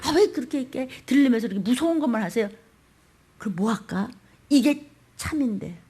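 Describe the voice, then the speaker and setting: A woman pastor delivers a sermon in a fairly high voice, talking in a plain colloquial way. She acts out the voices she quotes and peppers the sermon with rhetorical questions. Her delivery swings from loud outbursts to hushed whispers. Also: animated, a little fast.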